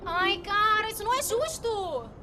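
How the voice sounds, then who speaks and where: A woman acting as a young Brazilian woman in a comedy sketch, panicky and sarcastic. Her voice is shrill and very high, whining in slangy exclamations over loud music. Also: animated, moderate pace. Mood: pleading, resigned.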